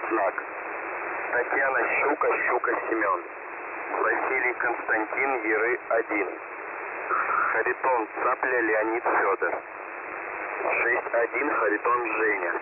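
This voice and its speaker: A man working as a radio operator, reading out a coded message over a walkie-talkie in a measured, methodical way. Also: medium pitch, steady tone. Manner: measured, methodical dictation of call signs. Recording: tinny radio transmission with loud static.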